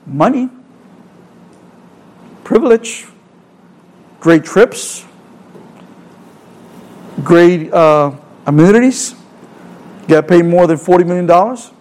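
With a Salvadoran Spanish accent, this middle-aged man from El Salvador delivers an earnest sermon full of rhetorical questions and repeated phrases. He speaks slowly and expressively, pausing often, in a high-sitting voice with a darkish tone.

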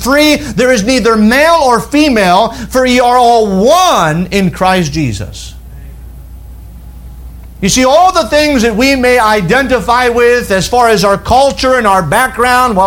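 A pastor preaching a sermon, earnest, slowing down and dropping his voice to stress key words. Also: very high-pitched, a bit bright.

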